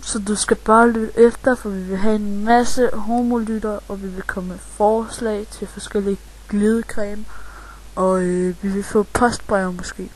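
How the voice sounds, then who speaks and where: A woman hosting a homemade joke radio show in a giggly, crude way, often pausing on fillers. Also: medium pitch, rough recording. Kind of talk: playful mock radio hosting.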